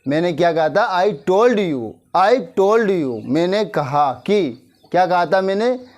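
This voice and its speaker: A man teaching a class, saying English sentences slowly and repeating them before explaining. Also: high voice, animated, a little mellow. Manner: slow, repeats English phrases then explains in Hindi.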